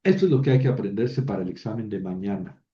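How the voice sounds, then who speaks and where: A man's voice: on the low side, fast talker, mellow, dull audio. A man teaching a biblical Greek class, reciting word forms aloud one at a time and explaining them to his students. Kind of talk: classroom lecture.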